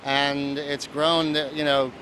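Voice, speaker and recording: Here a male festival producer gives a casual street interview outside at a seaport, joking, rambling and using lots of fillers. He speaks slowly in a fairly high, sharp-toned voice with a level tone, and the audio is poor, with faint traffic and street noise.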